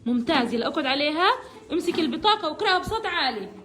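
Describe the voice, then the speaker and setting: In a high, animated, rapid-fire voice, this woman runs a reading game for a classroom of kindergarteners, encouraging and praising them frequently and calling each child by name.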